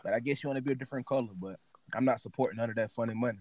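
A man in casual chat reacting to dating questions, animated and slangy, often repeating and restarting his words. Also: medium pitch, very fast, dry recording, highs cut off. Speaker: guest answering dating questions.

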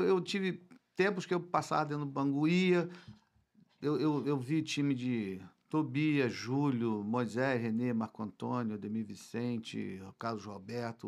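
Here the Carioca club president, sixty-one, talks with vocal fry at a medium pitch. As a guest on a relaxed podcast, he looks back on the past and leans on repetition for emphasis, his Brazilian Portuguese carrying a Rio de Janeiro accent.

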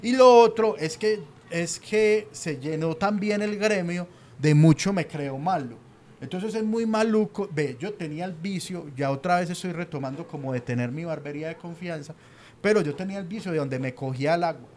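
A man's voice: on the high side, normal speed, darkish tone, slight background noise. A young Colombian man from the Medellín area, co-hosting a podcast and joking his way through a casual rant. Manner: ranting, joking, laid-back slangy talk. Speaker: podcast co-host. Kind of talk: casual comedic chat.

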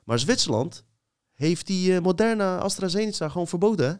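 A man's voice: high voice, lively intonation, a little fast, darkish tone, clean tone. A man leading a casual conversation, talkative and steering the topic. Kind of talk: casual chat.

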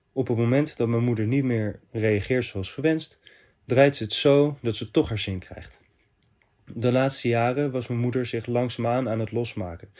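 A man hosting a podcast, reading a listener's confession letter aloud in short, measured phrases. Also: medium pitch, a little mellow.

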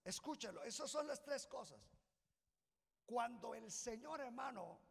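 A man preaching a sermon, who keeps calling the congregation "brother" and swings from loud shouts to low asides. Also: animated, unhurried, vocal fry, husky. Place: church hall. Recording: long reverb of a church hall.

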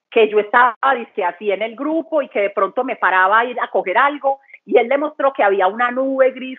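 A woman's voice: on the high side, husky. A woman giving an earnest, conversational church testimony, repeating phrases for emphasis. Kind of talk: testimony talk. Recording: tinny phone-line sound.

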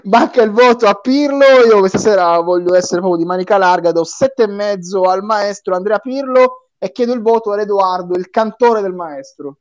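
A man's voice: sits high, normal speed, hardly any pauses, muffled recording. A man hosting a casual live football chat, bantering and often repeating his phrases. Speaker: host of a football talk live stream.

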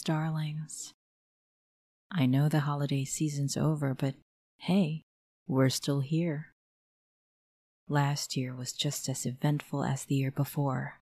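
A middle-aged woman with a Filipino accent, narrating a spooky story in a measured, dramatic way. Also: deep voice, darkish tone, husky. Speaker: storyteller host.

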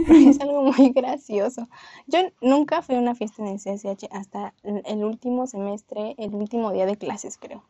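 A woman's voice: on the high side, normal speed, no echo, dull audio. A woman with a Mexican accent, a podcast co-host telling a story in casual chat and acting out the voices of people she quotes. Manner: animated, acts out quoted voices.

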